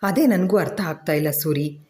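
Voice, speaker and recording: A woman reading the part of an older grandmother in an audio story, gentle and coaxing. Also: fairly low pitch, moderate pace, lightly acted. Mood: concerned.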